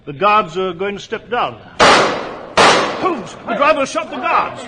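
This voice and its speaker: A man playing an earnest, excitable doctor, a detective's companion, with dramatic delivery in a 1940s radio drama. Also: high voice, a little slow, heavy background noise. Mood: alarmed. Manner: dramatic, exclamatory. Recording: old 1940s radio recording.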